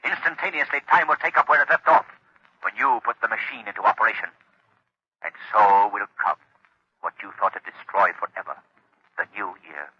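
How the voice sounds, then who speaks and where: The Shadow, a husky, menacing avenger. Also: male voice, on the low side, sharp tone, no room sound, full character voice. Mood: stern condemnation. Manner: slow, theatrical, domineering pronouncements. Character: menacing, unseen male avenger passing judgment on the guilty. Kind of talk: 1930s radio drama acting. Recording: dull, lo-fi 1930s radio recording.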